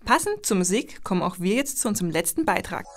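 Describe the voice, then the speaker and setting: A woman presenting a radio program, reading a smooth, scripted introduction. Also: mid-range voice, big pitch swings, fast, faint music behind.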